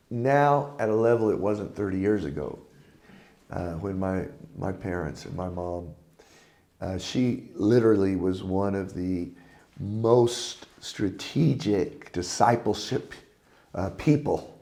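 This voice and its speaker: Older male pastor, lowish voice, folksy conversational sermon, warm chuckles. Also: takes it slowly. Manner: folksy, chuckling, earnest preaching.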